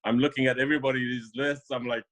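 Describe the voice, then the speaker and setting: A man from Afghanistan speaks as a guest in a casual interview, his voice sitting at an ordinary middle pitch. He talks haltingly, filling pauses with ums and uhs and restarting his sentences. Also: fairly even intonation, a bit bright, rough recording. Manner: hesitant, many fillers and restarts. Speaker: immigration lawyer guest.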